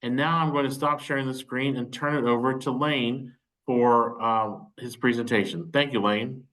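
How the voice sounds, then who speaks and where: A man's voice: mid-range voice, fairly even intonation, normal speed, a bit bright, low-quality recording. Formal male webinar host on a video call. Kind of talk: reading a scripted speaker introduction.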